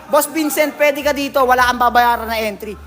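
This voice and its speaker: A man's voice: very high voice, fairly quick, fairly bright tone, soft background music. A man with a Filipino accent hosting a casual livestream, reading out viewer comments in a jokey, teasing way and laughing often. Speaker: livestream host at a billiards hall.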